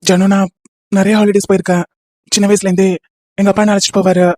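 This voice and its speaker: A woman voicing a gentle young husband who speaks softly and calmly in a cartoon romance. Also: medium pitch, fast talker, no echo, clean studio sound, pitched below the performer's own voice, lightly acted. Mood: tender.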